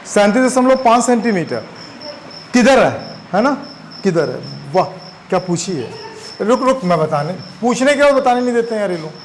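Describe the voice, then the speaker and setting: A man's voice: high voice, sing-song, a little fast, a little hiss or hum, poor audio. A man teaching a physics class, chatty and constantly quizzing his students. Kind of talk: classroom lecture.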